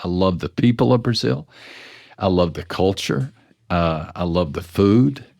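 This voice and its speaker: Speaking at a measured pace with vocal fry, a man with a deep, low voice from West Texas talks as a pastor and author in an interview. He recounts his story earnestly and with self-deprecation, often restarting sentences mid-thought, and the conversation feels relaxed and reflective.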